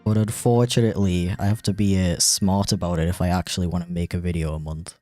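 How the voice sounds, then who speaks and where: A man's voice: low-pitched, flat delivery, quick pace, mellow, dry recording, faint music behind. A man streaming while he animates, chatting casually and rambling with a self-deprecating tone and lots of fillers. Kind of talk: casual livestream chat.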